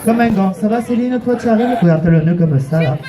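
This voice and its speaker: A man's voice: high voice, fast talker. A man running a comic street show, teasing his volunteers playfully, counting them in and coaxing the crowd to applaud. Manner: teasing, playful, calls volunteers "mon cœur". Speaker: street performer leading audience volunteers. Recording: open-air recording with a noisy crowd around.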